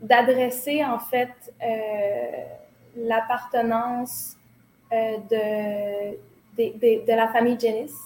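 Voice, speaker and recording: Warm and a little high, the woman's voice keeps a level tone and a slow pace. She's a Québécois choreographer in her thirties from Quebec, a reflective, hesitant interview guest who fills pauses and restarts a lot, recorded in a roomy room with faint noise.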